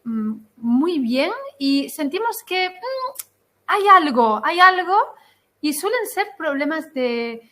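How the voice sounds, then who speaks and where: A woman's voice: high-pitched, very animated, slow, fairly bright tone. A woman hosting a podcast interview, asking long questions and giving frequent affirmations. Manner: attentive, asks long questions, affirms often. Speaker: podcast host, Spanish teacher. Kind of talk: casual conversational interview.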